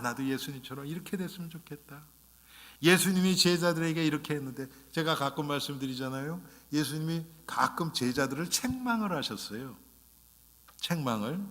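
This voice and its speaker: A man's voice: mid-range voice, a bit bright. A male pastor preaching a sermon in a conversational way, often turning to the congregation and acting out short quoted lines. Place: church sanctuary. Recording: long reverb of a church sanctuary.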